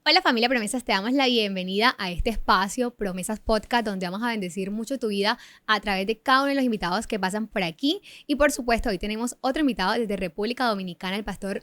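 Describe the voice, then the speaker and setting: A woman's voice: medium pitch, fast, a bit bright, dry recording. A woman hosting a faith podcast, welcoming listeners and reading out sponsor mentions in an upbeat manner. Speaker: podcast host. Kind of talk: podcast introduction.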